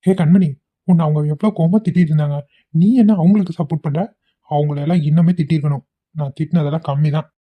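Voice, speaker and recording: A woman's voice: low voice, steady tone, fast, phone-quality sound. A woman voicing a blunt, short-tempered young husband in a cartoon, talking in a curt, scolding way. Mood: irritated.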